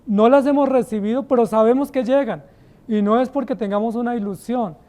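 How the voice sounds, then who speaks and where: A Colombian man preaches in a church, his voice pitched high yet soft and dark in tone. He is emphatic and keeps turning to the congregation with rhetorical questions. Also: a little fast. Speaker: pastor. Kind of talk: sermon.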